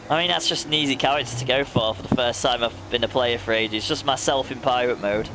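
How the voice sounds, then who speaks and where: Against some background noise, a young man with a medium-pitched voice keeps up casual chat while streaming a racing game. Laughter comes often, and he addresses viewers by name.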